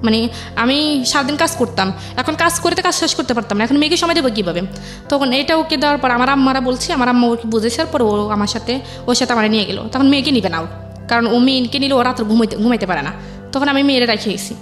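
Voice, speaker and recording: Speaking as a guest in an interview, a young Bangladeshi-accented woman with a high voice chats through her own life story at a quick clip. She leans on colloquial dialect, says things more than once, and voices what family members said, with faint music beneath.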